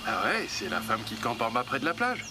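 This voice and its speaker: Chummy, shady fisherman with swooping pitch. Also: wildly swooping pitch, a little fast, noisy background. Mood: chummy, probing. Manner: familiar, slangy. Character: chummy, slightly shady male crustacean fisherman. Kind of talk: dubbed TV drama. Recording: loud background music.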